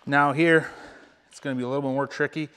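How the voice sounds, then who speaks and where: A man's voice: mid-range voice, steady tone, fast, pushed and bright, big-room sound, a little hiss or hum. A man explaining casually as he works through a hands-on how-to video, a little out of breath. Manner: casual, talks while working. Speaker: car film installer demonstrating.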